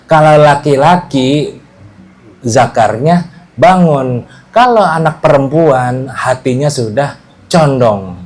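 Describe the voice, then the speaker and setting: A man teaching a casual religious study lesson to a small group, explaining in a relaxed way and often checking that the class follows. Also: medium pitch, slow, long pauses.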